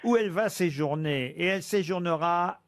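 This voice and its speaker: A man's voice: high voice, moderate pace. A man hosting a radio quiz, teasing his panel and reading out prize promotions in a playful way. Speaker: radio game show host.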